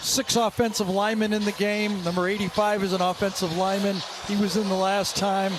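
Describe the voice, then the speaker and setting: A man's voice: high voice, little pitch movement, brisk, background noise. A man giving live football analysis as a colour commentator, explaining in a conversational way.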